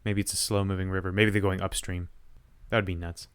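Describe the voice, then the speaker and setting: A man's voice: deep voice, flat delivery, fast, smooth, no room sound. A man co-hosting a casual podcast quiz, thinking aloud with hesitant fillers and restarts. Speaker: co-host.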